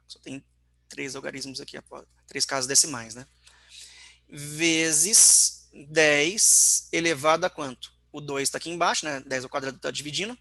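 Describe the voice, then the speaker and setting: A man's voice: mid-range voice, vocal fry, pushed and bright, no room sound. A man teaching an online physics class, working through calculations step by step and often checking in with his students.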